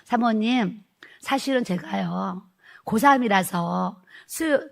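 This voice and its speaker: A woman's voice: medium pitch, takes it slowly, gravelly. A middle-aged woman, a pastor's wife, retelling a church testimony in a sermon, acting out the quoted speech and laughing as she goes.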